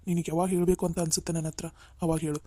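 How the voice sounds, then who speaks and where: Woman as a reassuring young cartoon sister, low mellow voice, fast. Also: little pitch movement, husky, no echo, clean studio sound. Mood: soothing. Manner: soothing, reassuring. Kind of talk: Kannada cartoon voice acting.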